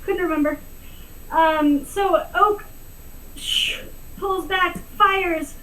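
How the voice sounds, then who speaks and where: A woman's voice: very high voice, very slow, a bit bright, poor audio. A woman running a tabletop game as game master, easygoing and laughing often.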